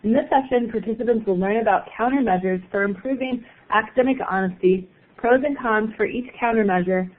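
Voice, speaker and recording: A woman hosting a webinar, reading out a speaker introduction in an upbeat way. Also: medium pitch. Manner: upbeat, laughs at own slips. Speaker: webinar host. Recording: phone-like webinar audio.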